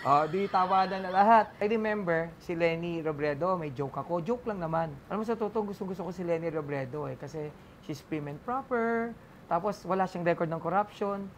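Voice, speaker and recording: Filipino-accented male comedian guest, chatty and animated, light background noise. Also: high-pitched, moderate pace. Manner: animated joke-telling, mixes English into Filipino, laughs often. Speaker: lawyer and stand-up comedian guest. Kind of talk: casual interview storytelling.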